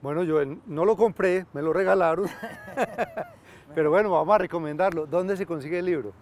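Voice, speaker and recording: A man's voice: high voice, normal speed, a little mellow. Male interviewer asking brief questions. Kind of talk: business interview.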